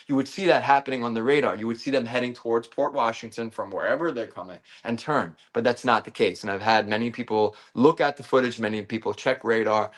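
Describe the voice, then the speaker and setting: A man, a videographer from Long Island, talking insistently and animatedly as a guest in a casual interview over a video call. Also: fairly low pitch. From Long Island, New York. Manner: animated, insistent, talks fast.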